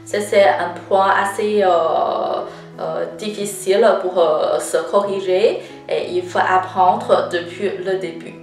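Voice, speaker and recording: A Chinese-accented woman teaches in an unhurried, deliberate way, stopping often with "euh" to find her words. The recording sounds roomy and slightly distant from the mic. Soft guitar music plays faintly behind her. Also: lowish voice, steady tone. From China. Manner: frequent hesitations with "euh", deliberate and patient. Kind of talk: slow, careful language lesson.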